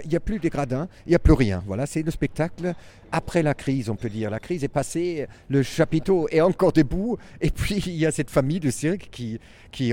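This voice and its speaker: Man, German accent, mellow voice, circus artist musing aloud in interview. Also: mid-range voice. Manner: halting, many restarts, reflective. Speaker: circus performer and clown. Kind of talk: interview answers.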